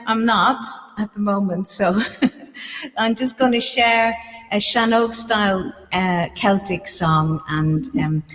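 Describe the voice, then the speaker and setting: Between songs on a live stream, an Irish guest musician makes giggly small talk full of ums. Her pitch is medium, and the poor audio carries a long reverb tail.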